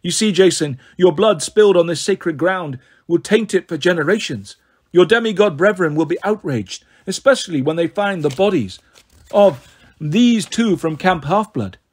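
Performing as a haughty snow goddess from a fantasy tale, a man pitches his voice high, soft and purring, with a breathy edge and a moderate pace. The beautiful, cold villainess gloats and condescends, taunting with silky, sadistic smugness in an expressive delivery.

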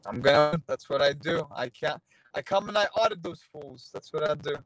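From a parked car, a man in his thirties from Poland, a fighter and native Polish speaker, does a relaxed video-call interview on a phone held at arm's length, full of fillers and restarts. His voice is a bit high, at a moderate pace. The recording is rough, with no room sound.

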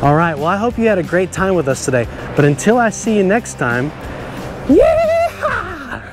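A man's voice: high-pitched, huge pitch swings, moderate pace, music in the background. A middle-aged man hosting a children's show as a cowboy, touring a stadium locker room with big enthusiasm and frequent laughs. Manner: enthusiastic, exclamatory, laughs often. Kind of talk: upbeat kids' show tour hosting.

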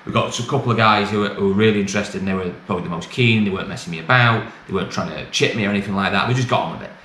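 Racing through a casual, rambling update to camera, a middle-aged British used car dealer and vlogger speaks in colloquial, matter-of-fact language. His pitch is fairly low and his tone sharp. The recording comes from a small bare office, echoey and with clear background noise.

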